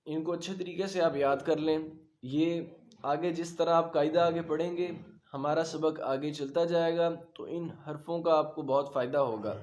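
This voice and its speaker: A man teaching beginners to pronounce letters, explaining patiently and reciting each letter slowly and loudly. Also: fairly high pitch. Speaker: Quran reading teacher.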